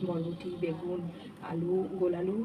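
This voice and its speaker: A woman chatting casually to her viewers while cooking at home, keeping her voice low so her sleeping son is not woken. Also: monotone, measured pace, lo-fi sound. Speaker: home vlogger and mother. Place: home kitchen with a tin roof during rain. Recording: noisy home recording with rain on a tin roof.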